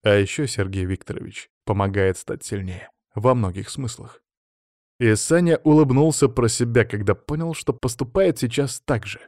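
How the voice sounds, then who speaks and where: A man reads an adventure audiobook in a steady, measured way at a middle pitch. The sound is close and dry, with no room around it. His telling is even and controlled. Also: no echo. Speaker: audiobook narrator. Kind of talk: scripted narration.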